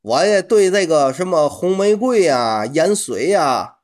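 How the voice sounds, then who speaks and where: Male podcast co-host, Tianjin accent. Highly animated delivery, casual comic banter, earthy everyday wording. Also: unhurried. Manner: colloquial, mildly profane.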